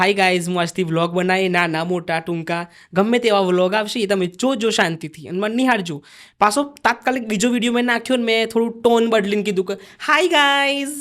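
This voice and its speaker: Fast-talking young man with a rural Gujarati dialect. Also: high voice, a bit bright. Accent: Sabarkantha Gujarati dialect. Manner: chatty, acts out quoted lines of himself and others. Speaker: guest, vlogger and dancer. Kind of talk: podcast interview storytelling.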